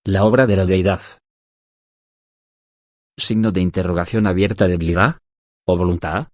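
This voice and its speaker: A man narrating a devotional audiobook in an even, measured reading style. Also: low voice, no room sound, dull audio. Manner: even, measured reading that voices punctuation aloud.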